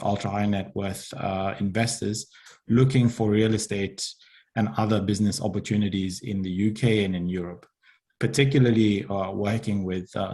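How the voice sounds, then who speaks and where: Guy on a video call, kinda low voice, lots of uhs and ums. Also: gravelly, a little mellow. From South Africa. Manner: hesitant, many filler sounds. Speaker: webinar presenter, investment advisor. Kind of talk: online business webinar talk. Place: home or office in London, remote.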